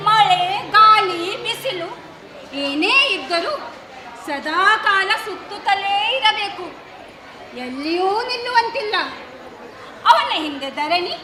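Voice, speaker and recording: A woman's voice: extremely high pitch, heavily acted. A woman playing a wise companion doll. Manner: soothing, explaining. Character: wise female companion doll, calm counsellor. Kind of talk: stage drama. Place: large hall, live stage. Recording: echoey hall with crowd and music.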